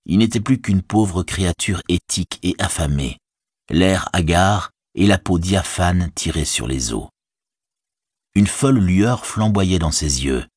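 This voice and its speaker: A man narrating a fantasy audiobook in a measured, expressive reading voice. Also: sits low, slightly rough, no room sound, clean studio sound.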